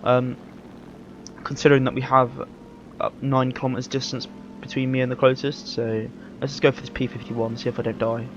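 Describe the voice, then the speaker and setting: A man's voice: medium pitch, little pitch movement, a little fast, music in the background. A man giving casual, rambling commentary while playing a video game, often correcting himself mid-sentence in an easygoing way. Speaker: gameplay commentator. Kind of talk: casual live gameplay commentary. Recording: dull lo-fi mic with game noise. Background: game engine and vehicle noise.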